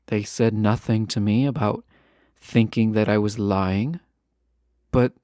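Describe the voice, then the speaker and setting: In a romantic audio roleplay, a man voices a refined fantasy ruler who is guarded yet fond, using formal, measured phrasing with teasing asides. His voice is mid-range with a darkish tone, recorded in studio quality with no echo.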